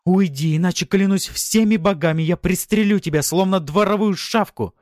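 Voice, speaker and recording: A man reading an audiobook, voicing a furious young wife who shouts back at her abusive husband. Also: lowish voice, brisk, dry recording, studio quality, voice pushed up, lightly acted. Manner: shouting, defiant.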